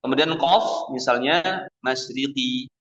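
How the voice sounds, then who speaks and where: A man teaching Quran pronunciation at a mosque study session. He drills each sound slowly and repeats it several times, contrasting the correct reading with wrong ones. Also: mid-range voice, fairly bright tone. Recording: dull lo-fi lecture recording.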